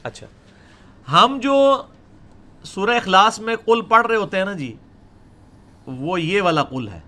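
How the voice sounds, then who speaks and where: A man's voice: high-pitched, animated, pushed and bright. A middle-aged man, teaching a class at a blackboard and explaining patiently with questions to the audience. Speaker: religious teacher. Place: indoor lecture room with a blackboard.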